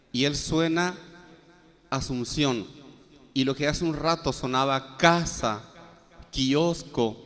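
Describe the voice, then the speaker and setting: A man's voice: medium pitch, fairly bright tone. A man giving a classroom lecture, spelling out letters one by one with many "eh" fillers. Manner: explanatory, spells out letters one by one, frequent "eh" and "este". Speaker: guaraní language teacher. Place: classroom with students. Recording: long reverb in a hall.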